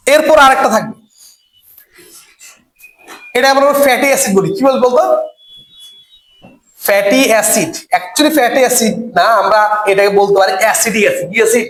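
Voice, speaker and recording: A man's voice: very high voice, fairly bright tone. A man teaching a chemistry class, who keeps quizzing his students and repeating each key term. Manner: repeats key terms for emphasis. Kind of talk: classroom lecture. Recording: echoey room.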